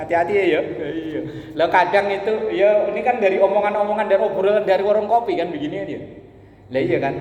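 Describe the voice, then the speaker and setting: A man's voice: on the high side, darkish tone. A man, preaching in a joking, storytelling way and often turning to address the men listening. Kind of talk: humorous religious talk. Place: prayer gathering hall. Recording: echoey hall with long reverb, faint noise.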